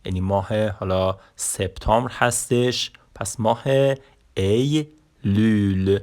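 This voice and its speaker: Low-voiced man teaching vocabulary slowly. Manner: slow, repeating each word for learners. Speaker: language teacher. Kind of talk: Turkish vocabulary lesson.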